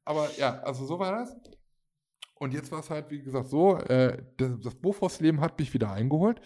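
A man's voice: on the high side, lively intonation, moderate pace, mellow. A man in his thirties casually telling a long anecdote, rambling with fillers and acting out the people he quotes. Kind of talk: casual storytelling chat.

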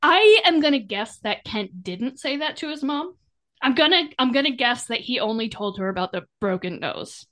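A woman co-hosting a podcast in casual chat, talkative and quick to laugh. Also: a little high. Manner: chatty, laughs often, animated retellings. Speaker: podcast co-host.

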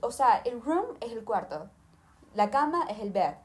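A woman's voice: fairly high pitch, big pitch swings, unhurried. A woman talking casually and emphatically, giving listeners tips and speaking to them directly. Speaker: language tips presenter. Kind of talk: casual advice monologue.

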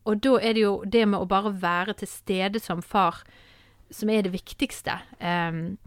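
A woman's voice: mid-range voice, steady tone, smooth, no echo, studio quality. A woman hosting a podcast in casual chat, rambling and often asking "sant?". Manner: warm, rambling, repeats words and says "sant?" often. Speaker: podcast host.

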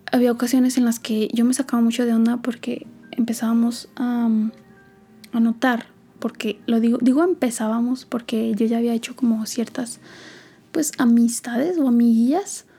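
A young woman with a Mexican accent telling a personal story as a podcast host, in a soft, often half-whispered, slangy confiding way. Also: fairly high pitch, gravelly, slightly rough. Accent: Mexican Spanish. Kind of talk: storytime monologue.

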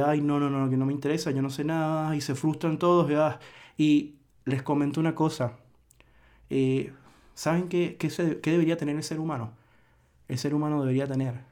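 A man's voice: medium pitch, dark tone. A man hosting a solo podcast, lecturing earnestly in a reflective monologue with frequent restarts. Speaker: podcast host.

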